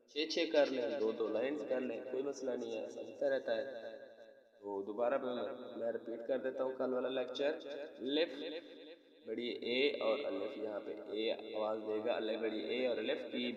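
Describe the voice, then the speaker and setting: Echoey far-off man teaching phonics. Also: mid-range voice. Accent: Pakistani. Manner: patient, repetitive, slow spelling out of sounds. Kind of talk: phonics lesson for young children. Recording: echoey distant lo-fi room with crowd noise.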